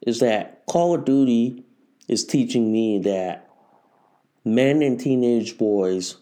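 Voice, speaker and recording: A man's voice: medium pitch, dark tone. A man in his forties hosting a casual solo podcast, rambling and repeating himself as he talks. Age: 40s. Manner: rambling and repetitive, often restarting phrases. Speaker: podcast host.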